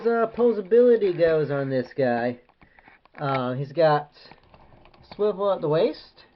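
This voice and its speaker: A man's voice: a little high, muffled recording, slight background noise. A man reviewing an action figure in a casual, rambling way with many hesitations. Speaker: toy collector reviewer.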